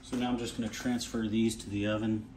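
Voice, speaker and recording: A man's voice: lowish voice, level tone, quick pace, darkish tone, a little hiss or hum. A man casually explaining a hands-on craft step by step, with frequent ums and uhs. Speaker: lure-making video host. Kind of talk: casual how-to demonstration. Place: indoors at a tabletop workspace.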